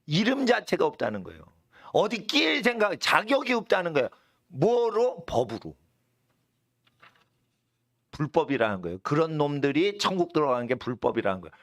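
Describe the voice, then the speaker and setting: A male pastor preaching a sermon, hammering home points with sharp high shouts, then dropping low to explain. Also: huge pitch swings, moderate pace, long pauses, dry recording, studio quality. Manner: drops to a low, quiet explaining tone between outbursts. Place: church.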